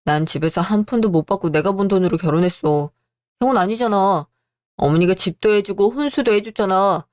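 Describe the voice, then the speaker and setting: A woman's voice: medium pitch, a little fast, darkish tone, no echo, lightly acted. Woman doing a bitter younger son, blunt and tired, dry close read. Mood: resentful. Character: resentful younger son, hardworking man.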